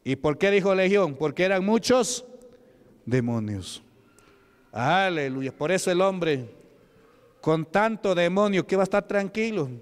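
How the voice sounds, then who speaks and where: A man's voice: sits high, lively intonation, measured pace, pauses often, clear, resonant tone. A male deacon from Peru preaching a Pentecostal sermon, asking the congregation questions and answering them himself, punctuating with hallelujahs. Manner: punctuates with "aleluya". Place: church hall. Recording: reverberant church hall.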